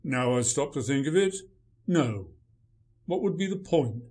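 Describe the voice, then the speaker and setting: A man's voice: mid-range voice, lively intonation, a little slow, darkish tone, natural voice. A man playing a grumpy male writer, dry, sarcastic and dismissive in a radio play. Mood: sardonic.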